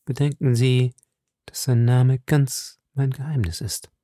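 A man reading an audiobook, voicing a cunning, scheming noble lady in a cool, measured, probing manner. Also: medium pitch, fairly even intonation, dark tone, no echo, clean studio sound, natural voice.

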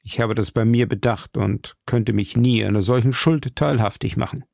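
A man's voice: medium pitch, moderate pace, gravelly, a little mellow, no room sound, clean studio sound. A man reading an audiobook and voicing a pious, nervous young officer who speaks earnestly and stammers.

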